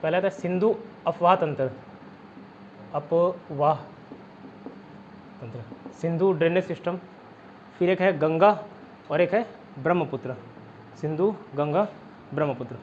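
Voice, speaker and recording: A man from India with a high voice, a darkish tone, and a Chhattisgarh Hindi accent teaches an online exam-prep class at normal speed, pausing often. He is chatty, repeats "theek hai," and keeps testing students with memory tricks. The sound is dull and lo-fi, with faint background hiss.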